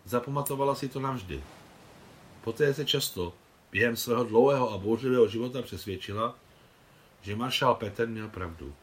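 A man reading his translation of a novel aloud, in a measured, expressive way. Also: mid-range voice. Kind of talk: audiobook reading.

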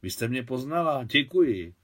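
A man's voice: mid-range voice, expressive, lightly acted. A man reading an audiobook, voicing a sardonic taxi driver who talks earnestly and at length, with a wry edge. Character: sardonic French taxi driver, former resistance.

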